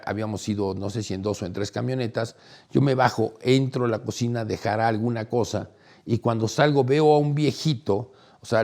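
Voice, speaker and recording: A middle-aged man, hosting and telling a personal story in a casual, animated way. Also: medium pitch. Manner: animated, acts out quoted voices, laughs while telling. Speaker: host, storyteller.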